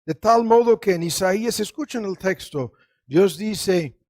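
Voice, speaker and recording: A male pastor preaching a sermon, often tagging phrases with a rhetorical question and swinging between emphatic high lines and soft low ones. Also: moderate pace, no echo, studio quality.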